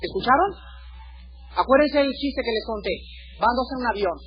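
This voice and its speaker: A male pastor with a Mexican accent delivers a sermon in a notably high voice. He is animated, dropping joking asides between serious points. The recording sounds dull and lo-fi. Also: normal speed, slight background noise. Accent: Mexican Spanish.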